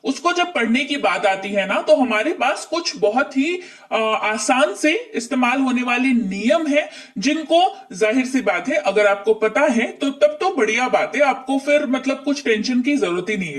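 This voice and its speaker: Male teacher, high voice, recorded a bit off-mic, drills words with rhetorical questions. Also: expressive, moderate pace, fairly bright tone, far from the mic. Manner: repeats and quizzes viewers with rhetorical questions. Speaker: English teacher. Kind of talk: online spelling lesson.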